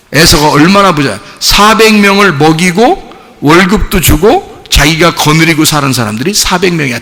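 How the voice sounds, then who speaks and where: A pastor preaching a sermon, telling the story animatedly and asking the congregation questions. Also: male voice, on the high side, sharp tone. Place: church sanctuary. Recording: echoey church hall.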